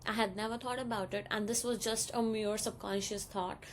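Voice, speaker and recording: A young woman with an Indian English accent, chatting casually in a storytime vlog, acting out quoted lines in a higher voice. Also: steady tone, moderate pace, slight background noise. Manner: chatty, many ums, acts out quoted dialogue in a higher voice. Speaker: vlogger.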